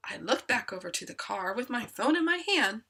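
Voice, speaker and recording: A woman telling a first-person story in an animated, dramatic way. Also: on the high side, moderate pace, husky.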